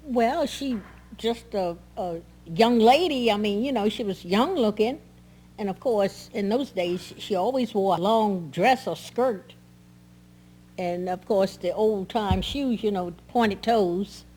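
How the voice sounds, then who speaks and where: An older woman, a former pupil, thoughtfully recalling the old days with pauses in an oral history. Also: medium pitch, darkish tone, rough recording.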